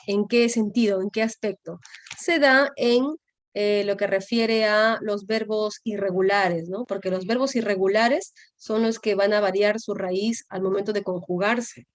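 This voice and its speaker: A woman's voice: medium pitch, no room sound. Lady teacher explaining grammar, keeps asking if they get it, dry close mic. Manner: explains patiently, checks often with "¿sí?" and "¿no?". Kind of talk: online class lecture.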